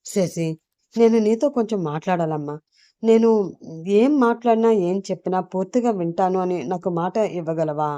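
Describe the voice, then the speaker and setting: A woman's voice: lowish voice, normal speed, dark tone, close to an everyday voice. A woman voicing an anxious, well-off middle-aged mother who talks in a fond, pleading way.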